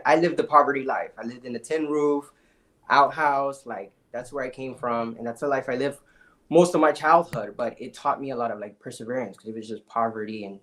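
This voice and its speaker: A young man from the Dominican Republic, telling his life story as a podcast guest in an energetic, emphatic way. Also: mid-range voice. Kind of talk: casual interview storytelling.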